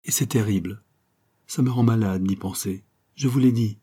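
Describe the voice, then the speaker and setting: A man's voice: on the low side, moderate pace, mellow, husky. A man reading an audiobook voices a young woman torn by love, with a trembling, plaintive delivery. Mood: earnest.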